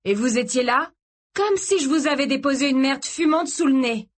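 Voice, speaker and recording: A volatile, jealous young man, voiced by a woman reading a storybook aloud, snarls and shouts his threats. His voice rides high and loud above the narration, hard and vulgar, always on the edge of violence. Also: measured pace, slightly rough. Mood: furious shouting.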